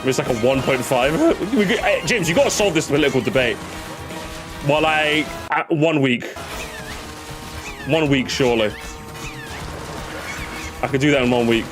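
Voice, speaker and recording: A man's voice: fairly high pitch, animated, moderate pace, long pauses. A young man streaming in casual chat, rambling and joking with mock outrage at his chat. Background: music playing.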